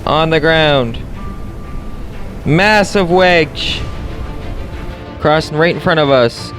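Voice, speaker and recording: A man's voice: a little high, moderate pace, a bit bright, soft background music. A man giving casual play-by-play vlog commentary as a storm chaser, addressing his viewers directly and repeating short phrases. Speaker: storm chaser and video host.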